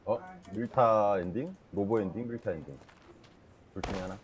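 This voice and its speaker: A man's voice: fairly low pitch, moderate pace, background noise. A man chatting with his squad during an online shooter match, calling out positions and teasing the others. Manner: calls out positions and teases squadmates. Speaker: squad player. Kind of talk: casual gaming chat.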